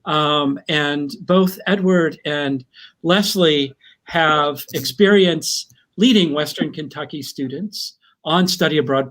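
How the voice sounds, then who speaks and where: Slightly high-voiced male host, hesitant and friendly. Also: fairly bright tone. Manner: friendly, hesitant with many fillers. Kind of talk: event introduction.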